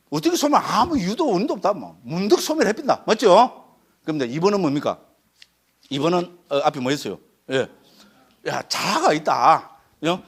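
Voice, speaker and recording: A middle-aged male monk with a Gyeongsang accent teaches scripture in a voice that climbs and drops with great animation. He sits a little above the usual male pitch. He peppers his talk with rhetorical questions and sudden, punchy exclamations. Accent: Gyeongsang Korean. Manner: lively, keeps asking rhetorical questions. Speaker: Buddhist monk lecturer. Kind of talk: sutra lecture.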